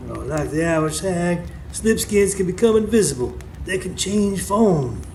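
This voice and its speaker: Playing a stern, wise old folk healer in a live radio drama, this man instructs tersely and commandingly, in a grave, instructive mood. His voice is high-pitched, animated, unhurried, and darkish. It was recorded live on stage before a studio audience, with background noise.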